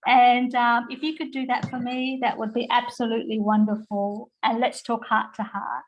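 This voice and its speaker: A woman's voice: fairly high pitch, flat delivery, moderate pace, highs cut off. A woman from Australia with an Australian accent and a slight English twang, talking informally as a guest speaker with rambling asides. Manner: warm, chatty, with rambling asides and fillers. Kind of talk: informal spoken talk. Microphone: video call.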